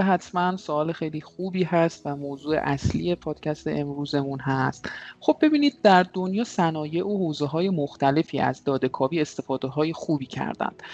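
A man's voice: fairly high pitch, darkish tone. A man speaking as the guest expert on a podcast, explaining in a polite, formal way with frequent hesitations. Lo-fi recording with faint background music. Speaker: guest expert on data mining. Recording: dull lo-fi sound with faint music.

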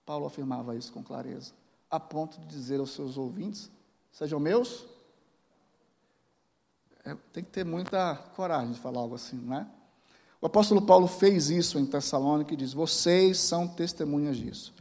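In a big church hall full of long reverb, a Brazilian Portuguese-accented pastor in his 40s delivers a sermon at moderate pace. His slightly high voice is creaky and darkish, and his personal story features acted-out dialogue and emotional shifts.

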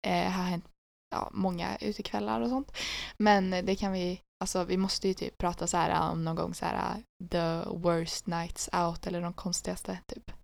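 A young woman in easy, casual conversation, telling a story with lively energy. She slips into loud quoted voices as she goes. The sound is close and dry, with no room around it. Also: fairly low pitch, gravelly, hardly any pauses, no echo. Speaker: podcast co-host. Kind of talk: casual chat.

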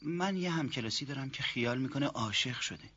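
A man's voice: medium pitch, animated, slight background noise. An actor playing a shy young man who asks hesitant, earnest questions about love, in 1970s TV drama acting. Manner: hesitant, soft-spoken, earnest. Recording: muffled lo-fi TV audio.

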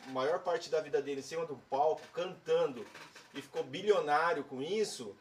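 A man's voice: fairly high pitch, normal speed, far from the mic, slight background noise. A man in casual chat about music, rambling and opinionated with lots of slang.

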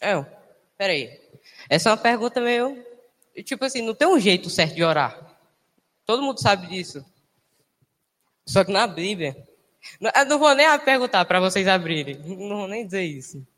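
A young man speaks in a casual church testimony. He sounds emotional and halting, often restarting his sentences. His voice rings with long reverb in a big hall. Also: sits high, big pitch swings, sharp tone. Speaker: church member giving testimony.

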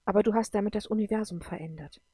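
Woman reading a wise guardian spirit, female, calm and consoling, dry close sound. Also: mid-range voice, fast, husky, no echo, lightly acted. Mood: gentle solemn.

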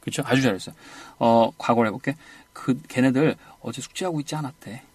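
Audio lesson drills for English conversation, led by a man whose voice is mid-range and slightly mellow, with no echo. He briskly gives his student short cues and asks for repeats, saying "one more time".

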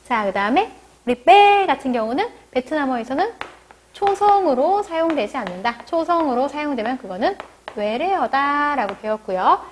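High-voiced woman teaching pronunciation. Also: very animated, a little hiss or hum. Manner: explains step by step, then models sounds slowly for repetition. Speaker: language teacher. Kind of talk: video lesson on pronunciation.

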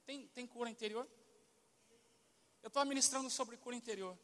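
A man's voice: very high-pitched, moderate pace, bright, forceful tone, in a large hall. A man with a Brazilian accent, a pastor telling a testimony during a sermon and acting out the dialogue of the people in it. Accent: Brazilian Portuguese. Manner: storytelling, acts out quoted dialogue.

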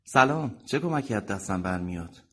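A man's voice: on the low side, expressive. A man voicing a polite, formal female receptionist in an audiobook reading. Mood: courteous. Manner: courteous, formal.

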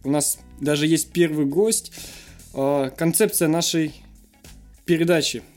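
A man's voice: on the high side, measured pace, soft background music. A man hosting a casual interview show, joking and self-deprecating, who burrs his r sounds.

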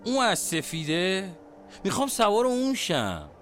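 A dreamy, questioning man in a poetic audio drama, played by an actor. His slightly high voice moves freely up and down in a theatrical way, with music behind it. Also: huge pitch swings, a bit bright, full character voice. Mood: eager. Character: wondering dreamy man, restlessly questioning his silent companion.

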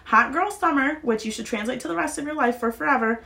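High-voiced woman ranting passionately. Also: fast talker, creaky, sharp tone. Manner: passionate, preachy rants, swears. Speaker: podcast co-host. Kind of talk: casual chat.

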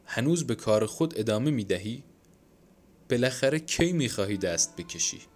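A man's voice: mid-range voice, expressive, a little mellow, lightly acted. A man voicing a dismissive circus overseer who humors a dying performer in an audiobook. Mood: humoring.

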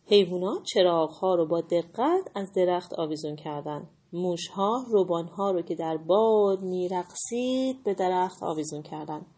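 Woman reading a kids picture book, bouncy sing-song voice, little husky, stops to explain words. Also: fairly low pitch. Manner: lively, explains hard words to children. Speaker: storyteller for children.

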